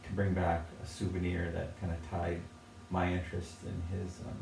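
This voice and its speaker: A man's voice: low voice, little pitch movement, normal speed, gravelly. An American man, a potter, talking casually and hesitantly, with many fillers and restarts. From United States. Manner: hesitant, lots of fillers and restarts, soft laughs. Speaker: potter presenting objects. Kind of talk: casual conversation. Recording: roomy, distant from the mic, faint noise.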